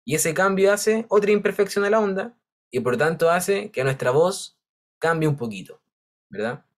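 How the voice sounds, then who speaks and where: A man's voice: high voice, expressive, normal speed. Male teacher explaining with constant check-ins. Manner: explanatory, checks understanding with frequent "¿ya?". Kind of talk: online class lecture.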